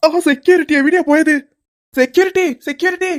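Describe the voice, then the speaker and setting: A woman voicing a bossy, excitable male schoolteacher who scolds and asks agitated questions in a cartoon. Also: very high-pitched, brisk. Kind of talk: cartoon voice acting.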